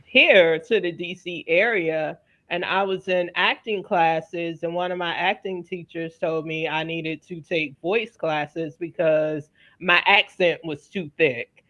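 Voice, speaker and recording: A woman's voice: on the low side, takes it slowly, fairly bright tone. Louisiana woman with a faint Southern accent. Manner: storytelling, conversational, quotes others. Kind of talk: casual panel discussion. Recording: dull lo-fi audio.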